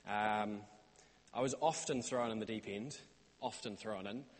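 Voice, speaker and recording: A young man with a New Zealand accent gives an earnest church talk about his mission stay, often pausing with "um" and "uh". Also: lowish voice, slightly rough. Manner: earnest, many "um" and "uh" fillers. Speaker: church intern giving a report. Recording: reverberant hall sound.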